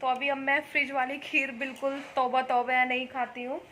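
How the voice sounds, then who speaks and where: A woman's voice: high voice, flat delivery, brisk, pushed and bright, roomy sound, a little hiss or hum, rough recording. A young woman vlogging at home, chatting casually in a meandering, homely way. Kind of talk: casual chat to camera. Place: indoors at home.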